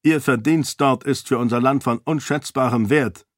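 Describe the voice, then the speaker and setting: A man's voice: mid-range voice, steady tone, normal speed, no echo, studio quality, close to an everyday voice. A man voicing a proud, soldierly lord who answers curtly and earnestly.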